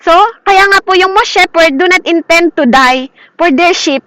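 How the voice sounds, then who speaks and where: A woman with a high voice preaches a daily devotion. The sound is dry and close. She speaks earnestly, keeps drawing in her listeners with quick rhetorical questions, and slows down to stress the verses she quotes. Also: fairly bright tone, no echo, poor audio. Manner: checks in with listeners through constant short rhetorical questions.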